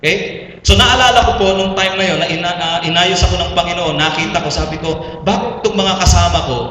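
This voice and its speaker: High-voiced Filipino pastor in an echoing hall. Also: male voice, fast, sharp tone. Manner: storytelling testimony, addresses listeners as brothers and sisters. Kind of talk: sermon. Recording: echoey hall, voice from far off, faint room noise.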